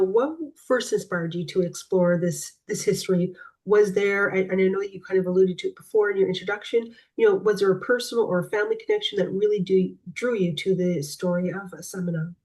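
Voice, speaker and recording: A woman's voice: mid-range voice, fairly even intonation, fairly quick. A woman hosting an interview podcast, with hesitant, thankful phrasing. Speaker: podcast host.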